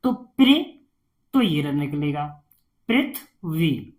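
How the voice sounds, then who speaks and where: A woman teacher giving a reading lesson, saying each word slowly twice and explaining patiently. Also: fairly high pitch, expressive, fairly bright tone. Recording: echoey room.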